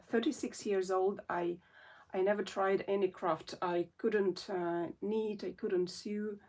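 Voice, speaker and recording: With a mellow, mid-range voice, a Russian woman in her forties hosts her felting channel in English, her second language. Her casual chat is hesitant and full of fillers and restarts, and her voice sounds somewhat distant from the mic.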